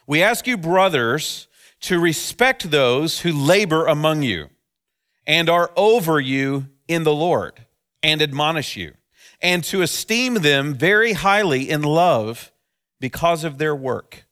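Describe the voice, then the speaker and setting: A pastor preaching a sermon at a pulpit microphone, earnest and steady, building points through repeated phrases. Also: male voice, fairly high pitch, takes it slowly.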